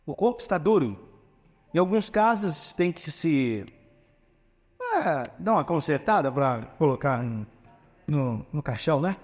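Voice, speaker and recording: High-voiced Brazilian pastor preaching in a reverberant hall. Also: male voice, lively intonation, normal speed, darkish tone, faint music behind. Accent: Brazilian Portuguese. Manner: emphatic preaching with rhetorical questions to the congregation. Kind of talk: sermon. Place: church sanctuary. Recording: long reverb of a church hall.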